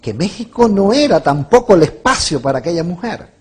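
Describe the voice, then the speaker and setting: A man interviewed about the past, animated and correcting himself as he talks. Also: high voice, fairly quick, soft background music.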